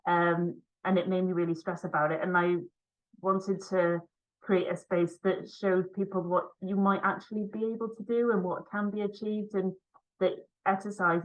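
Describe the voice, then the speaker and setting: Presenting over a video call, a para rower and physiotherapist from Cardiff speaks in a lowish voice through muffled audio. Her Welsh accent is slight, and her conference talk is conversational, dotted with ums.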